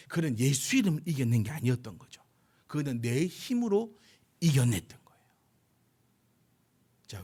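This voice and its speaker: A man preaching a Sunday sermon in a slightly high voice with a very lively, swooping pitch. He acts out the voices of the people he quotes and jokes at his own expense. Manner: self-deprecating humor. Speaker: pastor.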